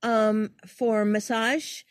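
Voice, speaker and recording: A woman's voice: on the high side, extremely slow, dry recording, clean studio sound. An older woman, a guest artist, telling a story in casual conversation and acting out the quoted lines. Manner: animated, acts out quoted dialogue.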